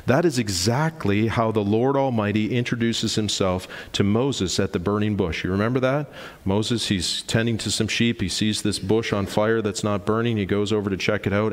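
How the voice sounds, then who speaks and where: Emphatic male preacher in a reverberant church. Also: normal speed. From Canada. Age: 40s. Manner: emphatic preaching, rising in pitch to stress points. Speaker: pastor. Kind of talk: sermon. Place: church sanctuary. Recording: long hall reverb in a church.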